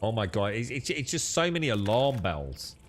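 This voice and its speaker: A young gaming streamer chats with friends during a casual stream, blunt, sweary and dismissive. His medium-pitched voice is very animated at normal speed, with a little hiss or hum in the audio.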